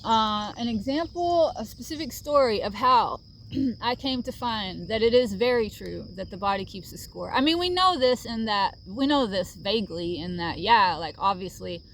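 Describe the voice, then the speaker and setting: A middle-aged woman speaks in an earnest, reflective way, chatting casually to her camera as if to a friend. Her pitch sits in an ordinary middle range, and her talk is loose and full of fillers. Faint cricket and insect sounds drift behind her from the rural outdoors. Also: lively intonation, normal speed, a little hiss or hum. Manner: earnest, reflective, with frequent fillers and soft laughs. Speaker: vlogger sharing a healing journey.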